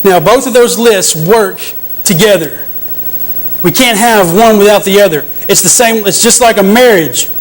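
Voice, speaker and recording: Male preacher, high voice, earnest sermon delivery with frequent restarts. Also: moderate pace, low-quality recording. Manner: earnest, repeats and restarts phrases; addresses the congregation with questions.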